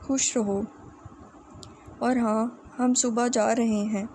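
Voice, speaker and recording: Brief: woman voicing a gentle older uncle, mellow and warm-toned. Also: on the high side, fairly even intonation, slight background noise, close to an everyday voice. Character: older man, kindly fatherly uncle.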